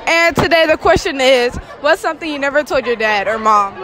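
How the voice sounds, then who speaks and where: A very high-pitched teenage girl asks her classmates cheeky questions, talking casual and slangy. Her phone picks her up close. Loud crowd chatter fills the background. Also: expressive, heavy background noise. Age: teens. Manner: quick, playful, slangy questions. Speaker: student interviewer. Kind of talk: casual school hallway interviews. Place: busy school gym and halls. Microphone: phone held out by hand.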